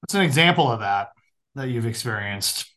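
A man with an Ozark accent talking casually as an interviewer, in a halting, self-interrupting way. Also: mid-range voice, expressive, bright, forceful tone, low-quality recording. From Southwest Missouri Ozarks, USA.

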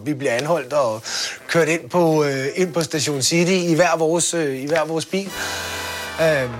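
A man swears his way through an animated anecdote, throwing in sound effects. His voice sits a little high, and music plays clearly behind him. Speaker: storyteller. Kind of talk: casual anecdote.

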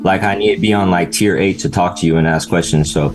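A man's voice: low-pitched, quick pace, soft background music. A young man talking like a frat bro, casual, slangy and full of swearing, as a caller on a talk show. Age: young adult. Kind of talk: casual chat.

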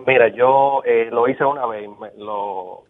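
A man's voice: mid-range voice, slow pace. A man calling a radio show, chatting casually and familiarly in slang, with hesitant starts. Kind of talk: casual call-in chat. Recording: muffled lo-fi telephone call.

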